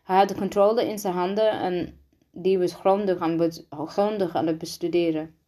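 A woman reading a children's book aloud, halting often and restarting words as she stumbles over the text. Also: on the low side, fairly even intonation, mellow. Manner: halting, frequent restarts and slips. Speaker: reader.

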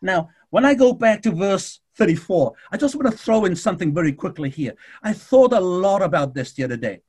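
A male preacher delivering a fervent sermon, addressing the congregation directly, with shifting pace and dramatic pauses. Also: high voice, a little mellow, slightly rough.

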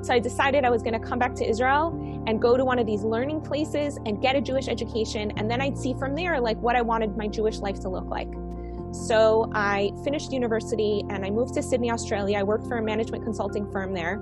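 A Colombian woman in her forties, a guest author, talks casually in an interview, sounding upbeat and enthusiastic. Her voice is fairly high with a steady tone and a quick pace, and music plays in the background.

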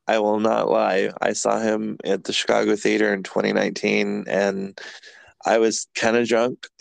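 A man's voice: on the low side, flat delivery, measured pace, vocal fry, dry recording. A man hosting a podcast, chatting casually in a rambling, self-deprecating way and laughing often. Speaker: podcast host. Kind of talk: casual chat.

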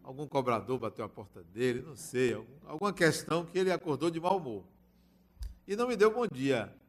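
A man's voice: medium pitch, expressive, a little fast. An older man giving a spiritual talk, telling a family anecdote and acting out the dialogue. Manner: storytelling, acts out family dialogue.

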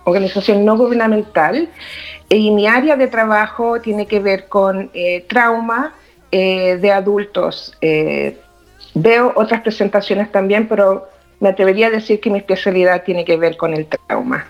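A psychologist interviewed remotely, speaking hesitantly with many "eh" fillers. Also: female voice, medium pitch, a little slow. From Chile. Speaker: psychologist guest. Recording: dull lo-fi call line.

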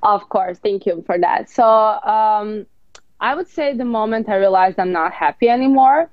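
A woman's voice: mid-range voice, moderate pace, no room sound, highs cut off. A woman in her twenties from Serbia, a guest talking openly and unhurriedly in a casual interview. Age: 20s.

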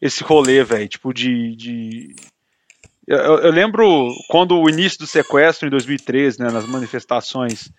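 A man's voice: medium pitch, animated, normal speed. A man in casual podcast chat, talking in a heated, indignant way and filling his speech with slang.

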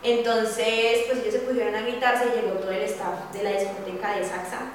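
Animated young woman in an echoey room. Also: mid-range voice, normal speed, slight background noise. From Colombia. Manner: animated storytelling, swears casually. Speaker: podcast host. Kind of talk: casual round-table chat. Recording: echoey room, mic far off.

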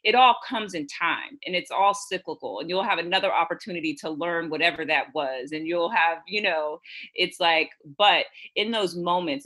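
Bright-voiced American woman, reflective. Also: on the low side. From Houston, USA. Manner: reflective, rambling with frequent "you know" and "it's like". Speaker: novelist guest. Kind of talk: casual interview chat.

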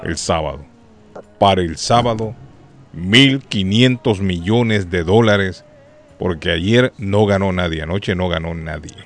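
A man hosts a talk radio show in a relaxed, chatty way. He teases his guests and keeps coming back to the same point. His voice sits on the low side. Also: unhurried. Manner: chatty, teasing, repeats points. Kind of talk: casual radio chat.

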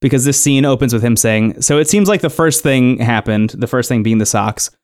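A man talks through a reality show episode at an easy, unhurried pace, his voice sitting at an ordinary middle pitch. He rambles a little, leaning on "like" and "um" as he retells each scene. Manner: relaxed storytelling, many "like" and "um" fillers. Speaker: podcast co-host recapping a reality show. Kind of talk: casual chat.

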